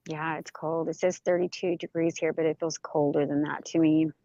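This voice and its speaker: A woman's voice: sits low, flat delivery, moderate pace, dark tone, no echo. A woman calling in over her car's Bluetooth from a parked car, chatting casually with a rambling, filler-filled way of talking. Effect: car Bluetooth phone call audio. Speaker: caller joining a livestream. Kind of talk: casual chat. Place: parked car in a school parking lot. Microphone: car Bluetooth hands-free. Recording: dull lo-fi call line, dry.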